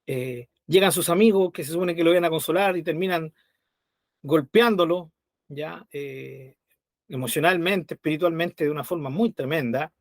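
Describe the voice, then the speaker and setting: Speaking at a moderate pace in a slightly high voice, a man teaches a Bible study in a conversational way, often checking in with his listeners using tag questions. The sound is dry and clean, like a studio.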